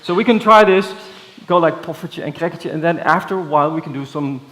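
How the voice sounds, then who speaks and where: Middle-aged Dutch-accented man, keynote speaker, a touch high-pitched, playful and energetic, loose with fillers. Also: fairly quick, poor audio. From Netherlands. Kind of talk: conference keynote. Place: large conference hall with audience.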